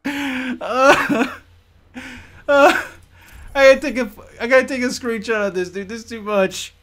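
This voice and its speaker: A man giving live gameplay commentary, ranting in an exasperated, profane way that swings between shouting and low muttering. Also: fairly even intonation, a little slow. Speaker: gaming channel host.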